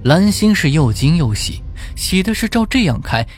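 A man narrating a folk ghost story in an expressive, suspenseful way. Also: a little high, normal speed. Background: faint music.

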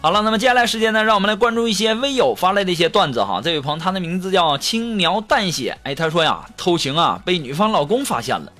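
A man hosting a comedy show, telling jokes in a chatty, playful way with drawn-out endings. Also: high-pitched, very animated, pushed and bright. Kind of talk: comic storytelling and joke reading. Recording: background music under voice.

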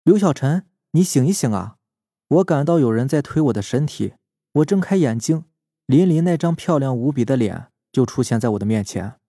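A male podcast host narrating a first-person horror story in a calm, measured, suspenseful way. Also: medium pitch, no room sound, studio quality. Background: faint eerie background music.

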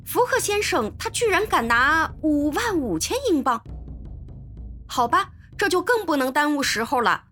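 A woman voicing a hot-tempered, loyal young male servant in a storybook reading, speaking in loud indignant outbursts. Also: extremely high pitch, sing-song, moderate pace, hardly any pauses, soft background music, exaggerated voice.

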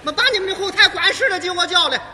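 A man voicing a bossy old woman, the mother of a warlord, who scolds and shouts demands in a live comic routine. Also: very high voice, sing-song, fairly quick, long reverb tail, some chatter behind, full character voice. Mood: shouting.

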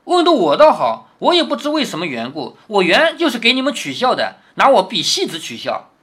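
A man's voice: sits high, wildly swooping pitch, brisk, fairly bright tone, slightly rough, heavily acted. A man voicing a proud, easily hurt young noblewoman, answering with cold, reproachful retorts.

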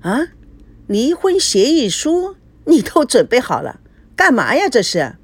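A sharp-tongued young woman, voiced by a woman, answers back in an audio novel, indignant and mocking. Her pitch moves freely and the sound is close and dry. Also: huge pitch swings, unhurried, breathy edge, no room sound, heavily acted.

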